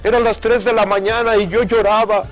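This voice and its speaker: A man's voice: sits high, fairly even intonation, fairly quick. A middle-aged man giving an emotional personal testimony in an earnest way, often repeating words for emphasis. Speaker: speaker giving a religious testimony.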